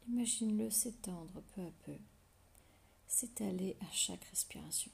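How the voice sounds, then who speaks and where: A woman leads a guided relaxation meditation in a soft, intimate whisper right in your ear, giving slow, soothing instructions with long pauses. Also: mid-range voice, vocal fry, slight background noise.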